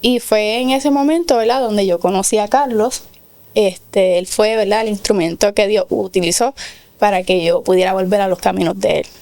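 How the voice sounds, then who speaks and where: A woman, a co-pastor, giving a soft-spoken, hesitant personal testimony. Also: mid-range voice, normal speed, gravelly, no room sound. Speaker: co-pastor, guest. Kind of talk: personal testimony in a radio interview.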